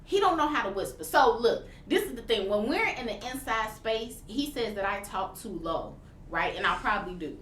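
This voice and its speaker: A woman's voice: mid-range voice, moderate pace. A woman co-hosting a casual podcast, telling stories and teasing her partner. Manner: animated storytelling, teasing. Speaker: podcast co-host. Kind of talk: casual chat. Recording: roomy, distant mic, faint hiss.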